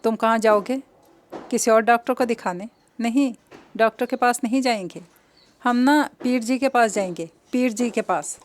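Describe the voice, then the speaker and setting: A woman's voice: fairly high pitch, normal speed, slight background noise, lightly acted. A woman voicing a simple-minded young man who talks like a child and pleads through tears. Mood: innocent.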